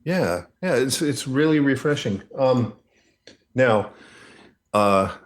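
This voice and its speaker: A man's voice: mid-range voice, expressive, takes it slowly. A man chatting casually on a game stream, rambling and joking. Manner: rambling, jokey, laughs often.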